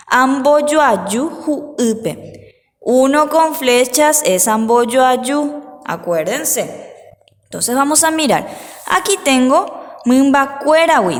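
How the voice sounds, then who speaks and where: A woman teacher giving a patient lesson to pupils, slowly repeating each word for them to say back. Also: high voice, long reverb tail. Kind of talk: remote class lesson.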